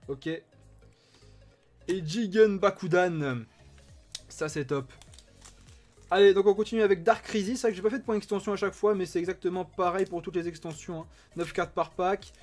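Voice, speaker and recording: A man chatting enthusiastically as he opens trading card packs, reading card names aloud. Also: fairly high pitch. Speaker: card-opening YouTuber. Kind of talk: casual unboxing commentary.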